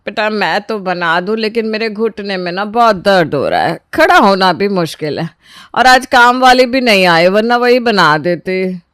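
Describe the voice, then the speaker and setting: A woman voicing a lazy older mother-in-law who whines loudly about her aches. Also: medium pitch, animated, moderate pace, clean tone, no echo, clean studio sound, close to an everyday voice. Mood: whiny.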